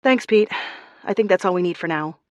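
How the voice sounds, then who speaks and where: A woman's voice: lowish voice, fairly even intonation, fast talker, darkish tone, dry recording, clean studio sound, natural voice. Woman reading as an anxious female innkeeper. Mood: impatient. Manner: impatient, questioning. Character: curious innkeeper heroine, anxious and impatient.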